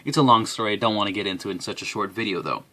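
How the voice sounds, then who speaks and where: A young man talking casually to the camera as an applicant, with a dry, deadpan delivery. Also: on the low side, rapid-fire. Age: young adult.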